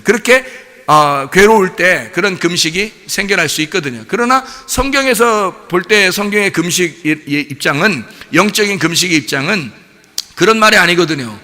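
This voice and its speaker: A male pastor preaching a sermon in a lively way, asking rhetorical questions and laughing along. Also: sits high. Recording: long hall reverb.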